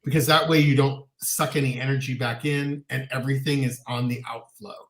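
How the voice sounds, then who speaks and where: Man, co-host, casual earnest rambler, mid pitch, roomy echoey sound. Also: steady tone, a little fast, a bit bright. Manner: rambling, earnest, many restarts and ums. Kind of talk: casual chat. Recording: roomy echo.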